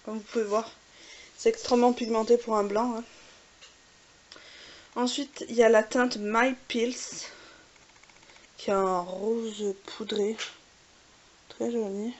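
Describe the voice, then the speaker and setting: A woman's voice: a little high, steady tone, slow pace, pauses often, darkish tone, muffled recording. A woman with a French accent, chatting casually with many fillers while showing makeup swatches. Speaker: beauty vlogger. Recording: faint hiss.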